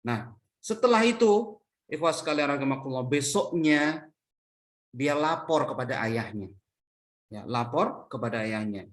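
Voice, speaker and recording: A man's voice: medium pitch, lively intonation, unhurried, pauses often. A man teaching an Islamic parenting lecture in a conversational storytelling manner, asking rhetorical questions as he goes. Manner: conversational, mixing casual slang. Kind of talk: religious study lecture.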